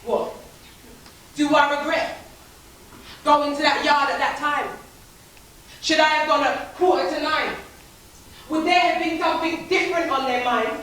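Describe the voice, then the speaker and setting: A woman's voice: high voice, fairly even intonation, measured pace, pauses often, fairly bright tone. An actress performing a spoken-word theatre monologue, playing a young woman haunted by abuse, bitter and defiant, in a rhythmic, rhyming delivery. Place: theatre stage. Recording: echoey hall, taped from far off.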